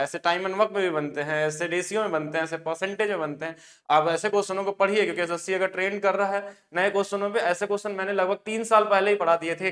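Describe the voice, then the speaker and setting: A man teaching an exam-prep maths lesson, explaining briskly and coaxing students to look closely at each step. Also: high-pitched, a bit bright.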